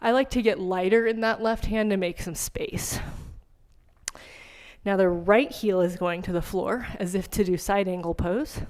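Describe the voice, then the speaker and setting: A woman teaching a yoga class, giving casual, chatty cues and asides while breathing hard. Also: medium pitch. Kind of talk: guided yoga class instruction.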